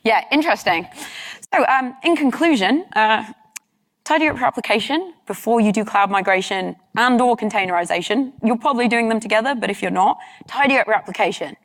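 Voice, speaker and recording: A woman's voice: fairly high pitch, a little fast, fairly bright tone. A woman giving a conference talk on stage and answering questions, candid and chatty, with frequent ums. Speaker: conference speaker. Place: conference hall.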